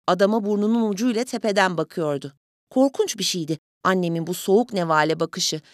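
A woman narrating a storybook in an even, measured way, her voice sitting at a middling pitch. The recording is dry and close, with no room sound around her. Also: dry recording. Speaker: audiobook reader.

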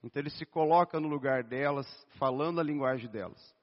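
A man, a physical education teacher, preaching a sermon in a conversational, storytelling way with a naturally hoarse voice. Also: mid-range voice, fairly quick. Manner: storytelling, conversational, addresses listeners as brothers. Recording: dull sound with long reverb in a hall.

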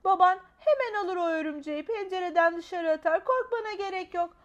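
A woman's voice: very high-pitched, dull audio, voice pushed up. A woman voicing a busy mother who soothes her daughter in a mildly dismissive way. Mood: soothing. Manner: soothing, hurried, patronizing.

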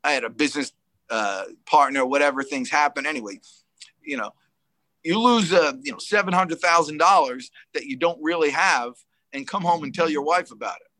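Middle-aged man, candid guest, rambling storyteller, bright tone, dry close mic. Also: fairly high pitch, brisk, dry recording. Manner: emotional, rambling, laughs often. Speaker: podcast guest.

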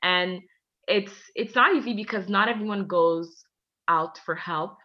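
A Canadian woman in her twenties, appearing as a guest, tells a candid personal story in a chatty, animated way, acting out the dialogue. Her voice is mid-range and unhurried, and the highs are cut off.

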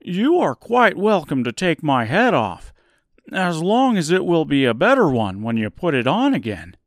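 A man reading an audiobook, voicing an earnest, hopeful male scarecrow in a raised, loud voice. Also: a little high, big pitch swings, moderate pace, no echo, clean studio sound, voice pushed up. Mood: eager. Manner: bright, loud and eager. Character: eager, earnest male scarecrow, straw-stuffed. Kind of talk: audiobook character voice.

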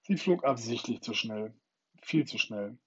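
Husky man reading a children's book. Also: medium pitch, unhurried, muffled recording. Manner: calm, earnest reading; self-deprecating about his voice. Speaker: storybook reader.

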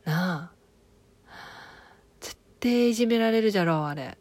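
A woman's voice: mid-range voice, expressive, measured pace, a little mellow, no room sound. Chatty woman with an Okayama accent. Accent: Okayama dialect of Japanese. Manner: chatty, rambling, many fillers and self-corrections. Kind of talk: casual spoken recap of a TV drama.

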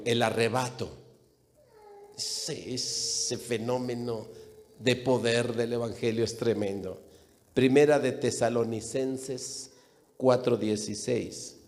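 A man's voice: mid-range voice, a little mellow, big-room sound. A man preaching a sermon with emphasis, repeating phrases and speaking straight to the congregation.

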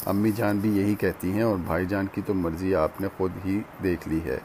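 A bold, cheeky young girl, as a man reads her aloud, in a lowish voice with faint noise behind. A storybook reading. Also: steady tone, normal speed, darkish tone. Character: cheeky sulky teenage girl.

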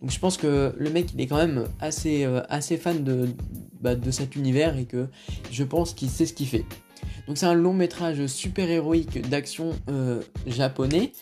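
A man's voice: on the high side, moderate pace, warm tone, faint music behind. A man with a French accent hosting a casual film review podcast, talking hesitantly with many fillers and restarts. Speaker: podcast host.

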